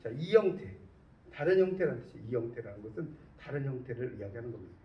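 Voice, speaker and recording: A university lecturer with a mid-range, animated voice speaks fast to a class in a lecture room, frequently pausing to ask whether students are following. The recording is distant, echoey, and dull, with slight background noise.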